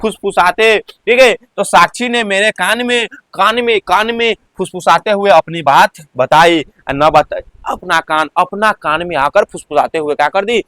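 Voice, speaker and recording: A man's voice: high voice, measured pace, hardly any pauses, pushed and bright, dry recording. A male teacher with a Bihari Hindi accent explains class exercises, asking his students questions and then answering them himself. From Bihar, India. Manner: keeps quizzing listeners with his own questions, then answering.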